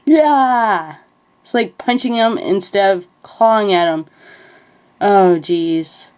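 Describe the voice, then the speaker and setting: Speaking slowly in an animated, mid-range voice with a darkish tone, a young woman rambles casually about movie scenes. Her talk meanders and is packed with the filler "like."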